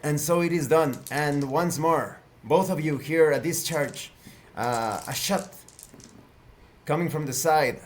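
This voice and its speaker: A man narrating as game master of a tabletop game, measured and a little halting. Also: a little high.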